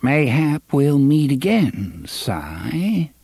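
A man voicing a quietly menacing old gunman with a reedy, quavering voice. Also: on the high side, sing-song, very slow, gravelly, husky, no room sound, voice pushed up, exaggerated voice. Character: thin-smiling old male gunman, menacing.

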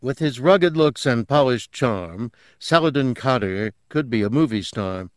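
A man narrating an audiobook as the interviewer, in a measured, descriptive way. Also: mid-range voice, animated, no room sound, clean studio sound.

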